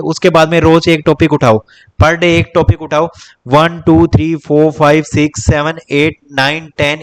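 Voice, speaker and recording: A young man teaching exam topics in a casual lecture, repeating points and calling viewers "bhai" as he lists and counts. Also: fairly high pitch. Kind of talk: casual Hindi-English exam coaching lecture.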